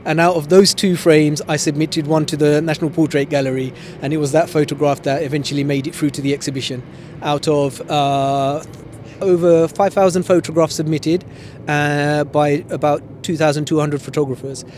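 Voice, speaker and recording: London-bangladeshi guy in his 40s, lots of ums, bit high voice, faint traffic hiss behind. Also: flat delivery, moderate pace, a little mellow. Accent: East London English with Sylheti Bengali. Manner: hesitant, many ums, switches between English and Sylheti. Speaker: photographer. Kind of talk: news interview.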